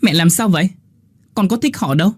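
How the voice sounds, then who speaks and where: A man's voice: high-pitched, lively intonation, fairly quick, husky, dry recording, voice pushed up. A man voicing a grieving young woman who snaps in anger. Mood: angry. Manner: sharp, raised and angry.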